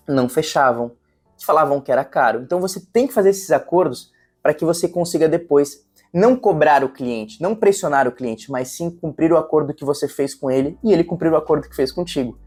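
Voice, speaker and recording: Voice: medium pitch, darkish tone, breathy edge. A sales trainer giving an instructional video talk, explaining techniques step by step and restating points.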